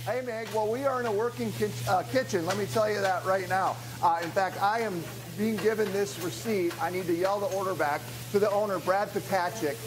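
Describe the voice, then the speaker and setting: A man in his forties reporting live for a morning TV show from a small diner kitchen, upbeat and chatty with quick asides. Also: sits high, steady tone, background noise. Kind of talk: live on-location TV segment. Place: small diner kitchen beside a sizzling grill. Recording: loud grill sizzle behind.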